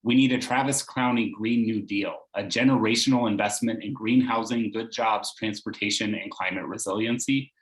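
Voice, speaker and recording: Man candidate, earnest steady campaign pitch, lowish voice, echoey room on a call. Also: normal speed, few pauses.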